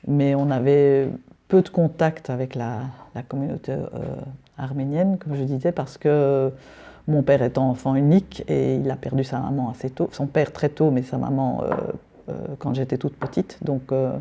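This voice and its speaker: A woman's voice: a bass voice, steady tone, normal speed, vocal fry, mellow. A middle-aged woman from Belgium, answering interview questions hesitantly, with many fillers and restarts. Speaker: decorative painter, interview guest.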